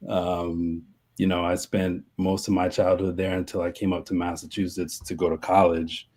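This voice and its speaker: A man from Connecticut, a guest on an interview, telling his story in a relaxed, easygoing way over a video call. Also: deep voice, moderate pace. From Connecticut, USA. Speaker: guest, brewer. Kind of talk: casual interview.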